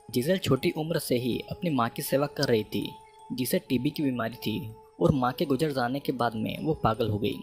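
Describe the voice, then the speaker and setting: A man recounts a film's plot in a steady, even narrator's voice, his Hindi accent plain in every line. His pitch sits at an ordinary middle level, and soft background music runs faintly under the speech. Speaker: movie explainer. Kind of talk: scripted movie recap narration.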